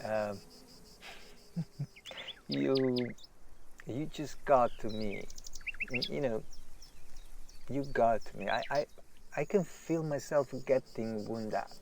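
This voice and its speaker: Playing a celebrated writer consumed by his work, the actor sounds agitated and self-deprecating, stumbling and repeating words in a naturalistic audio drama. He's wound up, with a mid-range voice, vocal fry, and a noisy background.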